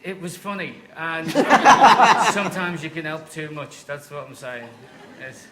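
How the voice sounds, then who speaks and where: On stage at a live comedy show, a guest comedian tells a wry, self-deprecating story in a fairly high, unhurried voice. The recording is low quality, with crowd noise around him.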